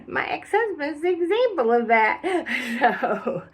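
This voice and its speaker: A woman's voice: sits high, big pitch swings, slow pace. A woman with a Southeast Texas accent, giving a casual, unscripted explanation in a folksy, chatty, rambling way. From Southeast Texas, USA. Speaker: actor presenting a dialect tutorial.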